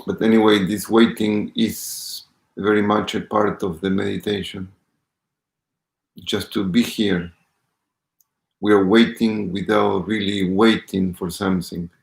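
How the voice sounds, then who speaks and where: A meditation teacher, a man with a low voice and a gravelly edge, talks calmly and without hurry. He greets the people joining and eases into the session. The sound is roomy, with plenty of echo around him. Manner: calm, unhurried, greets viewers by name. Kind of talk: live-streamed guided meditation talk.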